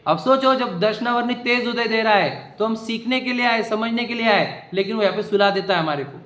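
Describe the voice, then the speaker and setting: A man's voice: high voice, fairly quick, a bit bright. A man giving a religious discourse to a seated audience in a hall, explaining step by step and often asking the listeners whether they follow. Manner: explanatory, keeps questioning the listeners. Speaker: Jain religious teacher. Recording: echoey hall.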